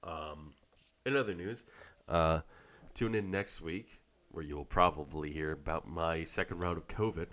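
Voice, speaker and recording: A male podcast host with a nasal, congested voice, giving a halting, casual announcement full of filler sounds. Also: rumbling low, fairly bright tone. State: congested from illness.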